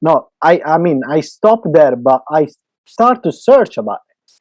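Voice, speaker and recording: The speaker is a twenty-something Italian man hosting a casual podcast chat in Italian-accented English, talkative and eager but sometimes searching for words. His voice is a little high and sing-song with a darkish tone, and he speaks a little slowly. There's no echo.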